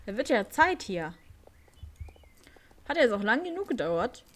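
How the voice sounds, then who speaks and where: A woman's voice: a little high, big pitch swings, measured pace. Chatty woman commenting on her game. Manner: chatty, thinks aloud with fillers. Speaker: let's play host. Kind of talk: casual gameplay commentary.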